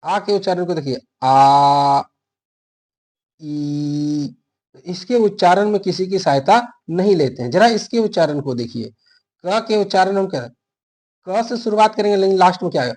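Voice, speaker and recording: A man's voice: high voice, animated, normal speed, a little mellow. A man teaching a grammar lesson for an exam, explaining step by step and answering his own questions.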